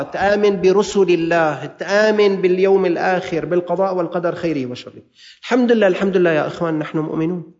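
Levantine male preacher, high-pitched, exhorting, long hall reverb on a dull lo-fi recording. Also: a little mellow. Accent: Levantine Arabic. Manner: exhorting, mixing classical recitation with colloquial asides. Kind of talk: sermon.

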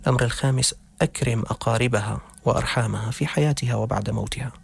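Gravelly preacher man. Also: medium pitch, fast. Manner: earnest, addresses youth directly. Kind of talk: religious talk.

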